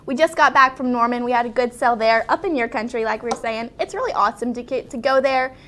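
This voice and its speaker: A woman's voice: fairly high pitch, quick pace, a bit bright, slight background noise. A young American woman speaking in an upbeat broadcast style as she hosts an interview show. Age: young adult. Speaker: show host. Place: small wood-walled studio set, indoors.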